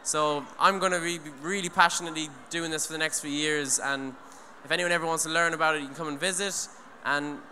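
At an eco event, a young adult man from Ireland talks earnestly and at length on stage in a big hall, gripping a handheld mic and repeatedly restarting or saying "you know". His slightly high voice sounds pushed and bright, with fairly even intonation and a brisk pace with few pauses. The recording has long reverb and faint noise.

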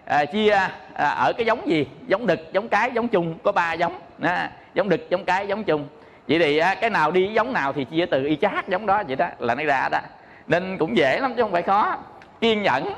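A Buddhist monk teaches an audience, breaking ideas down step by step, scattering fillers and checking that they follow. His voice sits high for a man. The sound carries a long hall reverb. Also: a bit bright. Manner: explanatory, often asks "hiểu không?", many "à" fillers. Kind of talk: dharma talk to an audience.

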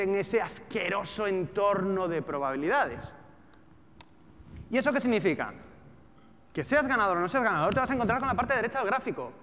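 Speaking to a seated crowd from a large auditorium stage, this thirty-something man with a European Spanish accent, a trader and trading educator, has a high and fairly bright voice. His delivery is informal and colloquial, leaning heavily on rhetorical questions, while the hall adds echo and background noise.

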